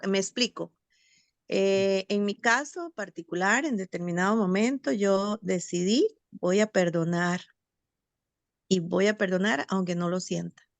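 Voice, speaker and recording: A bereaved mother sharing her story over a video call in a support session, reflective and halting with many fillers. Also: mid-range voice, no room sound. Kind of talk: personal testimony. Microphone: video call, camera off.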